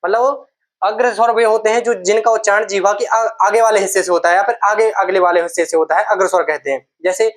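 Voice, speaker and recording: A woman's voice: medium pitch, fast talker. Hindi teacher woman quizzing herself. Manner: explains step by step, asks and answers her own questions, repeats terms. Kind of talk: online exam-prep grammar lesson.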